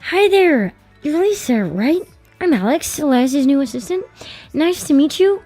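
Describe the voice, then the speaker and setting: A woman reading audiobook dialogue for a quick-witted, teasing young woman. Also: high voice, lively intonation, faint music behind. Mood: polite. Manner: teasing, bright and playful.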